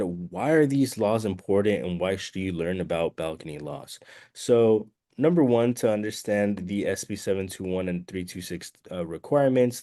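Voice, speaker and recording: A man's voice: low voice, mellow, dry recording, clean studio sound. A man presenting a webinar with a slightly muffled voice, sounding under the weather. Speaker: guest presenter, balcony inspection company representative.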